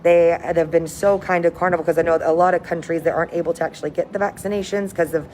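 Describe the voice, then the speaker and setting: An upbeat cruise director, a woman with a slightly low-pitched voice, chats casually to her viewers on a livestream. She sounds enthusiastic and informal, and there is clear ambient noise behind her. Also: fairly even intonation, quick pace, a little mellow. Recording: noticeable background noise, windy ambience.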